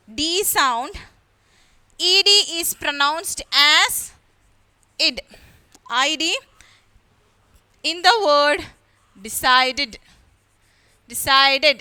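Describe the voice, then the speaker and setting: A woman's voice: very high-pitched, very slow, long pauses, pushed and bright. A woman teacher with a Malayali accent, explaining a lesson step by step for children, repeating key words and asking questions. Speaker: school English teacher.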